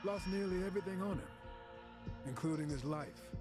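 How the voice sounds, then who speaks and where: A man's voice: high-pitched, moderate pace, natural voice. An actor playing a corrupt, sneering police officer in a video game cutscene, mocking and gloating as he frames a suspect, with game music behind. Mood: taunting. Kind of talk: game dialogue acting. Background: game music score.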